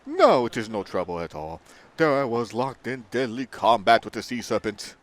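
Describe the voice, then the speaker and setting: A man's voice: medium pitch, very animated, normal speed, natural voice. A man voicing a flamboyant, vain merchant adventurer from a video game, grandiose and theatrical in manner. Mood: boastful, grand. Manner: grandiose, theatrical, stammers when frightened.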